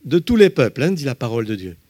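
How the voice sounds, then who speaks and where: A man teaching a Bible study, walking listeners through slides with emphatic, lively explanations. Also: mid-range voice, fast, no room sound, clean studio sound.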